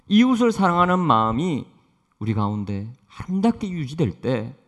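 A male pastor delivering a sermon, telling stories earnestly and moving between strong and soft delivery. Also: on the high side.

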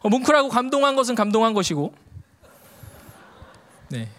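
A man preaching a sermon through a personal family story, an animated storyteller who acts out quotes, with frequent "uh" fillers. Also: very high-pitched, normal speed. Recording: long reverb of a hall.

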